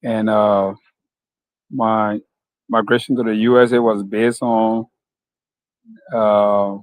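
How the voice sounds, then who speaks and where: A man from Liberia with a Liberian English accent, answering interview questions slowly and carefully, with many fillers. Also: lowish voice, flat delivery, poor audio. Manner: slow, measured, with many fillers. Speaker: guest, company founder.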